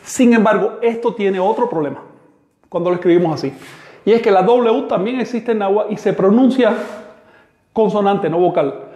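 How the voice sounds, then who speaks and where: A man teaching an online language class, explaining slowly and repeating each sound and word as he spells it out. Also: high voice, mellow, roomy sound.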